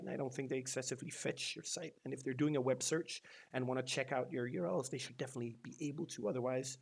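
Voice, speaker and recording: Loose and rambling, this SEO news channel host from Denmark runs through a casual news roundup, restarting often and filling gaps with ums. He has a mid-range, husky voice with vocal fry.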